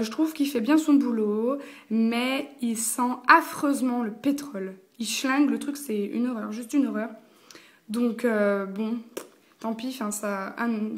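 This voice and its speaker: A woman's voice: a little high, unhurried. Chatty young woman reviewing makeup. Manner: chatty, many "euh" fillers, casual slang. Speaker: beauty vlogger. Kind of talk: casual product review.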